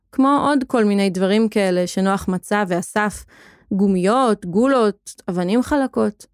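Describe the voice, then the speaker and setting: A woman giving a steady, expressive scripted narration of a children's story. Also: mid-range voice, dry recording, clean studio sound.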